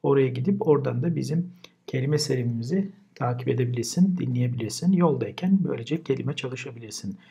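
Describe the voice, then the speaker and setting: Husky Turkish teacher repeating English words. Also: male voice, medium pitch, a little fast, warm tone. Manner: says each English word twice, then explains it. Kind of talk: vocabulary lesson.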